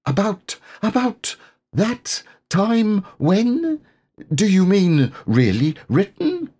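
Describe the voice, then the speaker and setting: A man voicing a very small, bashful male piglet from a storybook, hesitant and stammering in an eager, small husky voice. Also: sits high, very animated, very slow, dark tone, voice pushed up, full character voice. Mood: excited, shy. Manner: hesitant, stammering with repeated words.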